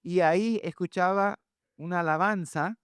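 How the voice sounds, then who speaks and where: A man's voice: high-pitched, normal speed, clear, resonant tone, no echo, studio quality. A man preaching a sermon about parenting, telling stories and acting out quotes with a lot of animation. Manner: animated storytelling, acts out quotes. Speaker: pastor and family speaker.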